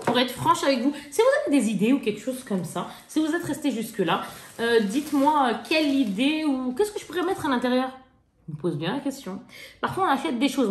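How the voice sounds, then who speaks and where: A chatty young woman talks straight to her viewers while she shows off things she bought, slangy and quick to laugh. Her voice sits fairly high. The room around her rings with echo. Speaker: haul vlogger. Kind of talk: casual chat showing purchases. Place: indoors at home. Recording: echoey room.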